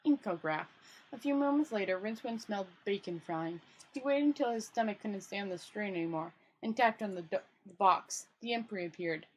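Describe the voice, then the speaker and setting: A woman who hosts a channel reads a book aloud informally as a storyteller, stumbling over words, correcting herself, and adding casual commentary. Her voice is medium-pitched, and the rough recording carries slight background noise.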